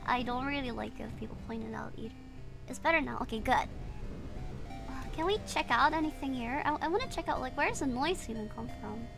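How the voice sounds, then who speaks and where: Streaming a horror game with game music playing, a young woman who speaks English as a non-native language works as a virtual streamer, reading chat and giving live commentary. She talks fairly quickly in a high, creaky voice, letting out shrieks and giggles whenever something startles her.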